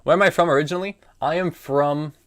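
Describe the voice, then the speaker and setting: Talking fast in a slightly high voice, a young adult from the United States, early twenties, streams chess. He gives live commentary, thinking aloud about moves and casually musing in reply to chat.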